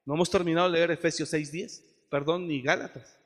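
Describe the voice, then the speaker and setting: A man preaching a sermon as pastor, acting out quotes and rising to shouted peaks. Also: a little high, steady tone, brisk. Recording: long hall reverb.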